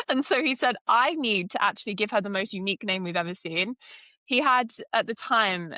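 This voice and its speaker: A woman's voice: mid-range voice, lively intonation, normal speed, sharp tone, dry recording. A woman in her twenties from the UK, an AI consultant answering podcast interview questions with frequent laughter. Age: 20s. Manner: enthusiastic, laughs often. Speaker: guest, AI consultant.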